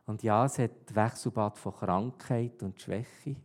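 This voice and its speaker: A man with a Swiss German accent preaching a sermon, repeating his key points and swinging between loud calls and hushed near-whispers. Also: on the low side, slow pace.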